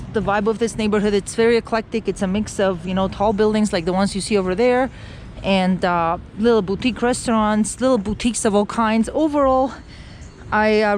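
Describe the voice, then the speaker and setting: A chatty middle-aged Romanian woman vlogs her travels while walking down a city street, rambling along with lots of fillers and restarts. Her voice is medium-pitched and a little mellow, captured by a handheld camera amid outdoor street noise and traffic.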